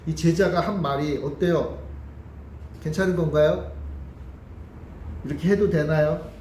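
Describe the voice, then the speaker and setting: A man's voice: on the high side, steady tone, unhurried, darkish tone, a little hiss or hum. A man preaching a Sunday sermon as pastor, talking to the congregation and putting questions to them. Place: church sanctuary. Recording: echoey church hall with faint ambience.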